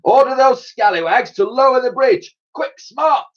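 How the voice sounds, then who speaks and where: A man's voice: very high voice, a little slow, pitched above the performer's own voice. A man voicing a bossy old naval admiral who barks orders at his crew, in a dull, lo-fi recording. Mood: commanding. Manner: barking orders. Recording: dull lo-fi sound.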